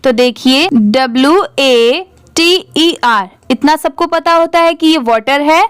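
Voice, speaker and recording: A woman's voice: high voice, slow, dry recording. A woman teaching English reading, who spells each word out letter by letter, asks the class how it is read and then answers herself. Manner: spells words letter by letter, then blends them. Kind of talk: slow spelling-out reading lesson.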